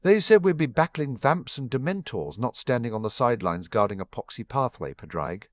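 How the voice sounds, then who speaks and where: A man's voice: medium pitch, animated, a little fast, dry recording, highs cut off, pitched above the performer's own voice, lightly acted. A man voicing a bored, crude male Auror who grumbles and mutters. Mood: grumbling.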